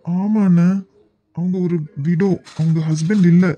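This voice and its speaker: A man's voice: high voice, steady tone, unhurried, dark tone, dry recording, highs cut off. A man voicing a worried young colleague in a cartoon, coaxing and placating, with a Kanyakumari Tamil accent. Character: worried young male colleague trying to calm things.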